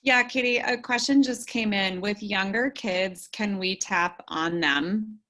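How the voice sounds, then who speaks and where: A woman's voice: mid-range voice, a little slow, pushed and bright. A woman co-hosting a video call, briefly relaying a question and adding supportive remarks.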